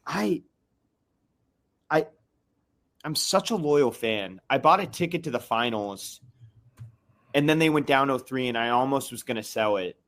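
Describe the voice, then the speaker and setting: A man's voice: medium pitch, expressive, measured pace, long pauses, a bit bright. A man calling into a live fan podcast, fired up and venting in rambling bursts full of restarts and fillers. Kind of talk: casual venting chat.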